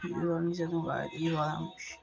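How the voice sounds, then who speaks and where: A woman giving live commentary over her own gameplay, excitable and boastful, shouting and cursing at the game. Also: sits low, a little fast, vocal fry, noisy background. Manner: boastful, trash-talking opponents. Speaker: gaming video creator.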